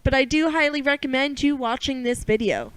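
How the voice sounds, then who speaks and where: A woman co-hosts a casual news talk show. She talks in a chatty, rambling way, padding her sentences with fillers. Her voice is high. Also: a little fast, clear, resonant tone, poor audio. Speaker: podcast co-host.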